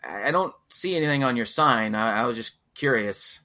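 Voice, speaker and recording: A man's voice: mid-range voice, animated, moderate pace, bright, forceful tone. A man playing an awkward, friendly male hired protester who stammers and laughs nervously. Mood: sheepish.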